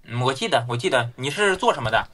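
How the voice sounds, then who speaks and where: Forceful husky-voiced male streamer. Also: medium pitch, expressive, racing. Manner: exasperated, repeats phrases, thanks donors. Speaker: livestream host taking callers. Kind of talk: casual live-stream chat.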